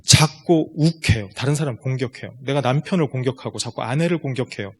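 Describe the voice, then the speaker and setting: A man's voice: medium pitch, fairly quick, slightly rough. Man lecturing parents in a seminar. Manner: explanatory, addresses audience directly with rhetorical questions. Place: lecture room at a school.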